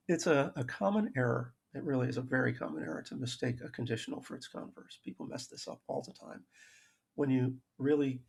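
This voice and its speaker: A man lectures on logic over slides in a heavily gravelly, rough and breathy voice at a middling pitch. He explains patiently, stumbles into restarts, and drops wry asides at his own expense. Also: a little mellow. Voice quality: gravelly, husky voice. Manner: dry self-aware humor, frequent restarts.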